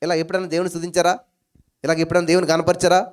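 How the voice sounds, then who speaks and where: A man's voice: on the high side, completely flat delivery, very fast, smooth. A male pastor, preaching emphatically, with rhetorical questions and repeated calls of hallelujah. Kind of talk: sermon. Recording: faint music behind.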